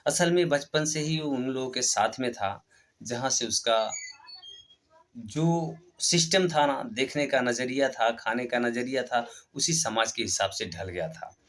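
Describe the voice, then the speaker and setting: A man's voice: mid-range voice, a little slow, fairly bright tone. Man, motivational story narration, plain, conversational.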